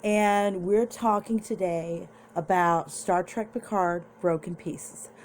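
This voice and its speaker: A young woman talks through a TV episode in a relaxed home vlog, her voice a little low for a woman. She takes her time, drifting and restarting as she recaps. A faint hum sits under her voice. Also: slow pace. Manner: chatty, meandering, with restarts. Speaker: vlogger reviewing a TV episode. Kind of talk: casual recap and review.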